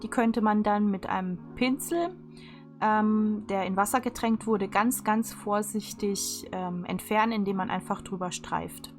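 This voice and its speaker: A woman's voice: medium pitch, measured pace. A woman giving a chatty, unscripted craft tutorial voice-over in a casual style. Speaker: video creator. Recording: music behind the voice. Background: instrumental music.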